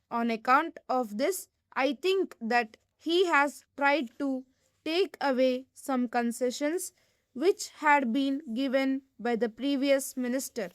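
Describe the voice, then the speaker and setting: A woman reading dictation for shorthand practice in deliberate, measured phrases with pauses between them. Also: high-pitched, dry recording.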